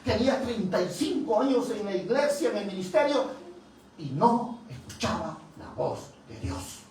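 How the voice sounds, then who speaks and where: A man's voice: high voice, big pitch swings, moderate pace, a little mellow, very echoey, distant mic. Man, pastor, testimony sermon, dramatic storytelling, noisy church room. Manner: dramatic storytelling, acting out dialogue. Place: church hall.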